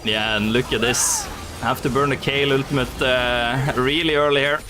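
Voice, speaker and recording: A man giving excitable play-by-play commentary on a live esports match. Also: moderate pace. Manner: excitable play-by-play, rising pitch on big plays. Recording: game music clearly behind the voice.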